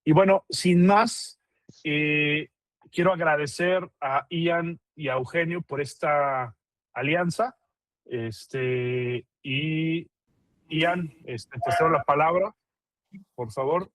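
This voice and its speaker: A man, an IT consultant presenting his firm in a webinar, halting with many fillers. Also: a little high, fairly bright tone, no echo.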